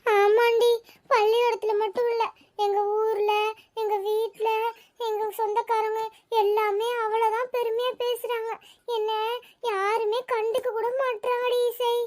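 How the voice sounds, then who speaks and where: Sulky older-sister schoolgirl for a cartoon, very high, mopey and complaining. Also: little pitch movement, measured pace, a little mellow. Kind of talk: cartoon voice acting.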